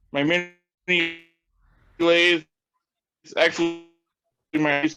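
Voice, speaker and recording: A man's voice: fairly high pitch, pushed and bright, clear, resonant tone. Retired man on a distant video conference call. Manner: easygoing, shows his shop while he talks. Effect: video conference call audio from a tablet, distant and breaking up. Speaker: woodturning club member. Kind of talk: casual chat on a video call. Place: his woodworking shop, away from the house. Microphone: tablet on a video call.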